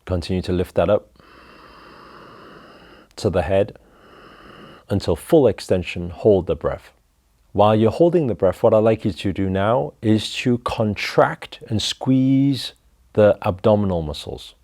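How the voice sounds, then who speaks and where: A man leading a guided breathing meditation, talking slowly and calmly through each step. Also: fairly low pitch. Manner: slow, calm, instructive.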